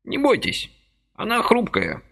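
A male audiobook reader voices a jittery, fussy little old man, pitching well above his own voice with wildly swooping, bright, forceful delivery and some vocal fry. The character veers between indignant and eager, full of nervous energy, heavily acted at a measured pace in a persuasive mood.

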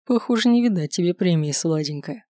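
A reader voicing a sardonic male demon who mutters and growls with mocking calm. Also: medium pitch, moderate pace, no echo, studio quality, close to an everyday voice.

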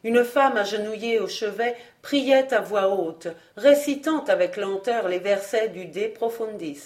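A woman reading a classic novel aloud as an audiobook narrator, in a measured, even storytelling manner. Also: medium pitch. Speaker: audiobook reader.

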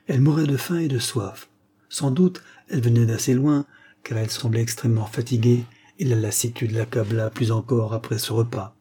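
A man narrating a classic novel as an audiobook in a measured, steady storytelling manner. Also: mid-range voice, breathy edge.

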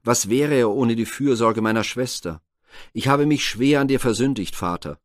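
A man's voice: medium pitch, moderate pace, no echo, studio quality, close to an everyday voice. A man voicing a grown son who pleads remorsefully with his father in a spoken myth retelling. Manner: imploring, tearful pleading.

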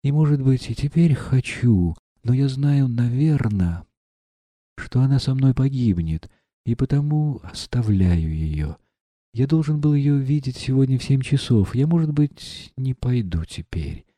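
Мужчина-чтец, озвучивающий кроткого, измученного молодого князя, говорит тихо и умоляюще. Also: male voice, medium pitch, animated, unhurried, dry recording, studio quality. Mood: troubled. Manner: soft, pleading, troubled. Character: gentle anguished young prince.

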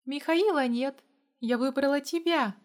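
A woman voicing a sweet but sharp-tempered young woman in an audiobook, with a coaxing, snappish manner. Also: sits high, a little slow, pitched above the performer's own voice.

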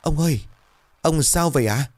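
A man's voice: medium pitch, expressive, brisk, darkish tone, no echo, pitched above the performer's own voice, lightly acted. A man voicing a timid young male servant who stammers politely and sounds frightened.

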